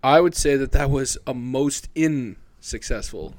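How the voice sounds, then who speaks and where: A man talks in a plain, middle-pitched voice, blunt and opinionated, swearing freely as he rants. He is co-hosting a casual chat over a remote call. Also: a little slow, darkish tone, no echo. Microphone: remote call with a mute button.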